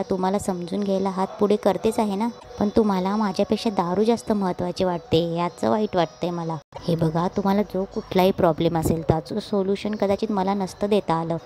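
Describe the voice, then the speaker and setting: A woman reading the lines of an earnest young wife, hurt but gentle, in a plain narrating voice. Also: mid-range voice, lightly acted. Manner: read aloud in a plain narrating voice.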